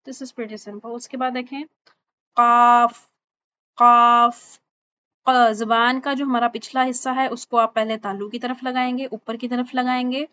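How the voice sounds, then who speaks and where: A woman teaches tajweed in an online Quran recitation lesson, her voice a touch high as she patiently models each letter slowly, repeats each sound, and checks with "thik hai?". The recording is slightly muffled, dull, and lo-fi, with faint ambience.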